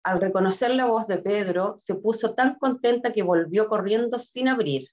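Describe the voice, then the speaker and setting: A woman reading a scripture passage aloud in a steady, measured way. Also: mid-range voice, muffled recording. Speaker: scripture reader.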